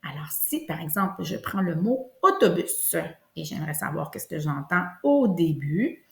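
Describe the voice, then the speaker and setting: A woman with a Québécois French accent, teaching a kindergarten lesson and slowly stretching out sounds for young children. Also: fairly low pitch, big pitch swings, creaky. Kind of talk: classroom lesson video. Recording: echoey room.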